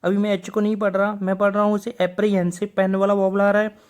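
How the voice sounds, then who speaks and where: A man's voice: high voice, flat delivery, fast talker, a little mellow, clean tone. A man teaching a shorthand video lesson. He explains patiently and says each example word twice.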